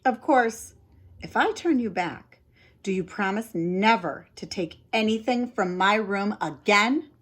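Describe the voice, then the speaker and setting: Woman reading as a young boy, urgent, exasperated, breathy, higher lively voice, storybook. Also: measured pace. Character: excitable young boy, bossy big brother.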